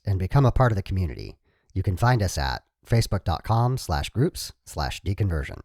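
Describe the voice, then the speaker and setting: A man's voice: lowish voice, no echo, studio quality. Man host reading a podcast intro. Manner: steady, announcer-like delivery.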